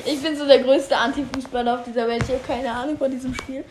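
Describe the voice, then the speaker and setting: A woman's voice: sits high, fairly even intonation, quick pace, darkish tone, reverberant, a little hiss or hum. A young woman co-hosting a podcast in casual chat, giggling often and rambling as she loses her thread. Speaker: podcast co-host.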